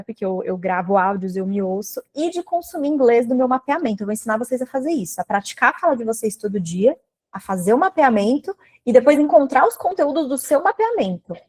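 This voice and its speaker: Chatty, animated Brazilian woman teacher. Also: a little high. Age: adult with a daughter. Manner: chatty and animated, addresses viewers as "gente". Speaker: English teacher. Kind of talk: live online class.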